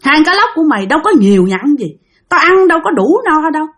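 Figure: a greedy old female demon snarling out taunts in a storybook ghost tale, as a woman narrator puts her on. Her voice climbs high and shrill with a tearful edge, jumping about wildly, and a lilt runs through it. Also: big pitch swings, a little fast, vocal fry, fairly bright tone, exaggerated voice. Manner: hostile, taunting, huffing.

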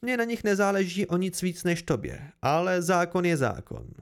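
A stern, deliberate noble ruler, as a man reading an audiobook plays him speaks in a calm and measured way. The voice is gravelly and a bit high for a man.

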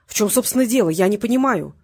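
A woman reading an audiobook, voicing a frightened male official who speaks in a shrill, flustered way. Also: expressive, fast talker, darkish tone, slightly rough.

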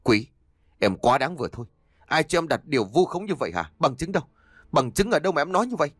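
Man doing a shrill, panicked tied-up woman. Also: quick pace, no echo, clean studio sound, natural voice. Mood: pleading. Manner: shrill, wailing, pleading. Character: panicked middle-aged woman, tied up, pleading.

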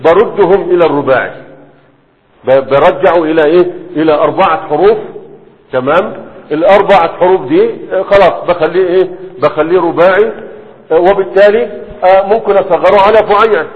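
A man teaching a class in a lecture style, constantly checking understanding with quick questions to his students. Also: sits high. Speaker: teacher of Arabic morphology. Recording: tinny phone-like sound with long hall echo.

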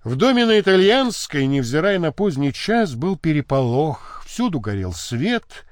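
A man narrating an audiobook with expressive storytelling, close to the mic. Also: on the high side, measured pace, dry recording.

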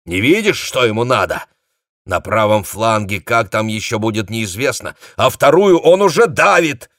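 A man voicing a battle-worn male battalion captain who shouts orders urgently. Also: medium pitch, animated, takes it slowly, husky, no echo, clean studio sound, voice pushed up, heavily acted. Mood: snappish. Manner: shouting, commanding.

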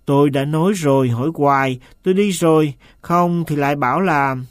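A man's voice: a little high, moderate pace, no room sound, close to an everyday voice. A sullen manservant answers back here, as a man reads him aloud. He denies everything in a stubborn, grudging way. The sound is dry and close, like a storybook read at the mic. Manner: stubborn, insistent denials. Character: sullen, evasive male manservant.

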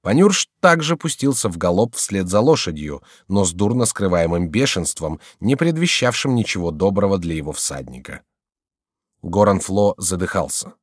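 A man narrating an audiobook in an expressive, scripted reading. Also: sits low, moderate pace, no echo, studio quality.

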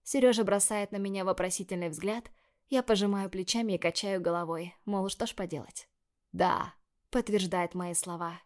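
A woman reading first-person scripted narration in a measured, expressive way. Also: mid-range voice. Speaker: audiobook narrator.

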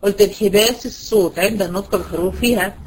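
A Quran recitation teacher with an Egyptian Arabic accent gives a brisk tajweed lesson, quizzing her students and then answering her own questions, slowing down to stretch out example words. Her voice is medium-pitched with a breathy edge, on a rough recording.

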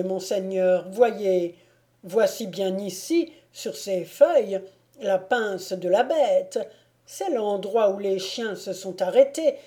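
A woman's voice: medium pitch, dark tone, close to an everyday voice. A woman reading an accusing huntsman servant. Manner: eager and accusing. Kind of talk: audiobook reading.

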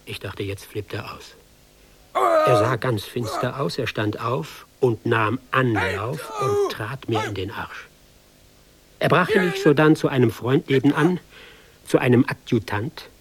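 A man's voice: medium pitch, wildly swooping pitch, a little slow, crowd noise. An actor playing a hapless young army recruit, reciting his tale in ironic, sing-song rhyme for a radio play. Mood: sardonic.

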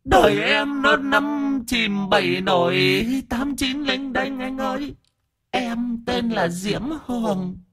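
A man voicing a camp, sharp-tongued bald male ghost in a breathy falsetto, whiny and pleading. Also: expressive, measured pace, long pauses. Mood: whiny lament.

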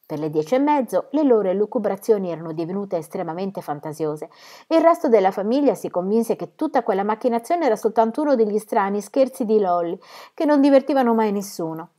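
A woman narrating a novel as an audiobook reader, with a measured, expressive delivery. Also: mid-range voice. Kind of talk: scripted literary narration.

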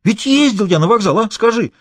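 A terrified, babbling petty thief. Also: male voice, high voice, expressive, brisk, no room sound, clean studio sound, voice pushed up. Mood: panicked. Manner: frantic, repetitive, whimpering.

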